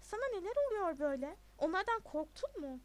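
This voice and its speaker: Brief: a swaggering, theatrical teen schoolboy, read by a woman, fairly high voice, storybook. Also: animated, a little fast. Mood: cocky. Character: bold, cocky teenage schoolboy.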